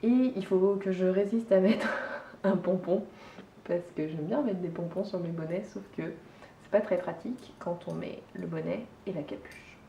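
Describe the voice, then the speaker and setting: A woman's voice: on the low side, moderate pace, creaky, warm tone, a little hiss or hum. A woman with a French accent chatting casually about her knitting and hand-spun yarn, with lots of hesitations and restarts. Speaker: knitting vlogger. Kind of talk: casual chat. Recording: dull, echoey room from far off.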